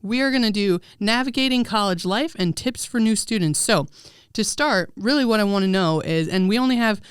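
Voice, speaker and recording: A woman's voice: mid-range voice, brisk, clean tone, no echo. Woman host for a campus podcast, middle-aged, upbeat and chatty, very clean voice, dry close sound. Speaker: podcast host, student life coordinator. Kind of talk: podcast hosting and interview.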